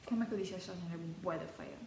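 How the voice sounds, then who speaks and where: A woman's voice: on the low side, racing, gravelly, warm tone, slight background noise. A teenage girl from Portugal with a European Portuguese accent, vlogging in a chatty, dramatic way and dropping English words into her talk. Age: teens. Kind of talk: casual chat to camera. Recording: echoey room with faint ambience.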